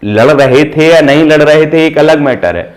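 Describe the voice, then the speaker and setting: A male teacher explaining a text line by line. He asks the class questions and answers them himself, repeating key words slowly. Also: fairly high pitch. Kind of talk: Sanskrit lesson explained in Hindi.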